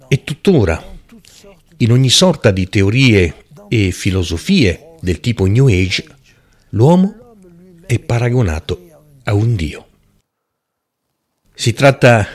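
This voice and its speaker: A man preaching a Bible-teaching sermon in an emphatic, deliberate, rhetorical way. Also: lowish voice.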